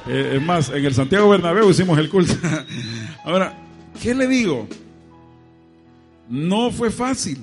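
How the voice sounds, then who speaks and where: A man's voice: fairly high pitch, moderate pace, pauses often, faint music behind. A man preaching an evangelical sermon, telling stories and speaking directly to his congregation. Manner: addresses congregation directly, animated storytelling.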